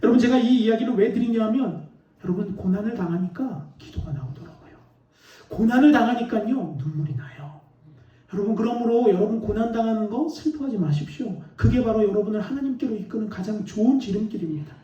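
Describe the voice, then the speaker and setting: A man preaching a sermon as a pastor, telling an animated personal story and laughing as he goes. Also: high-pitched, brisk. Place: church sanctuary. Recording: roomy, distant, dull church recording.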